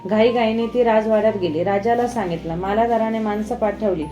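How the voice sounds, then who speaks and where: Female storyteller, measured devotional reading, mellow, roomy recording with soft music. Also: mid-range voice, dull audio. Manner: measured, recitative. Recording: echoey room, faint music.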